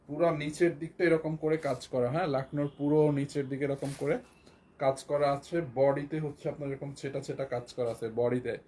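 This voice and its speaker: A hoarse man with a Bangladeshi Bengali accent, selling clothes on a live stream and repeating prices again and again. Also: mid-range voice, mellow, slight background noise. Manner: repetitive, keeps repeating prices and urging viewers to buy. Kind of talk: live shopping sales pitch.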